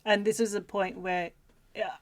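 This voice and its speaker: A young woman co-hosting a casual chat, speaking reflectively and haltingly. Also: mid-range voice, level tone. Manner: halting, many fillers and restarts, reflective. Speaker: podcast co-host.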